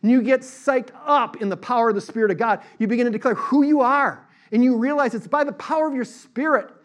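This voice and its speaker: A middle-aged male pastor preaching a sermon in a lively, conversational way, mixing casual asides with fervent declarations. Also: very high voice, brisk. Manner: animated preaching, acts out voices in quotes.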